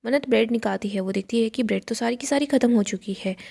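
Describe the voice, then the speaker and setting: Woman storyteller, casual plot recap, mellow voice, a touch high, steady delivery. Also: fast, gravelly.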